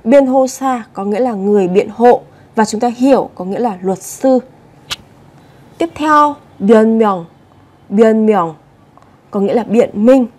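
A woman gives a Korean vocabulary lesson. Her voice sits slightly high and sounds mellow and relaxed. She repeats each word patiently and often turns to her viewers with direct questions. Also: measured pace, long pauses. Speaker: Korean language teacher.

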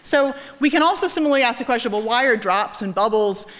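On a big auditorium stage, a New England physics professor talks fast in a fairly high voice with her region's American accent. Her lecture is casual and aimed at a general audience, full of lively explanations, false starts and self-corrections.

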